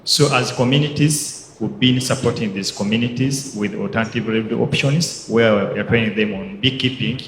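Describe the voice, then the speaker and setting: A man's voice: medium pitch, noisy background. Man in an echoey hall. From Uganda. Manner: earnest, with halting restarts. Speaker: audience participant. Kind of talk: spoken contribution at a panel. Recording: echoey hall with faint ambience.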